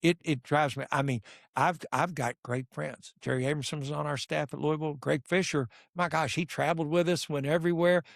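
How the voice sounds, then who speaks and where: A man's voice: fairly high pitch, a little fast, gravelly, no room sound, clean studio sound. An older man, a basketball coach telling stories in casual conversation and acting out the dialogue. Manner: animated storyteller acting out dialogue. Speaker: podcast guest, basketball coach.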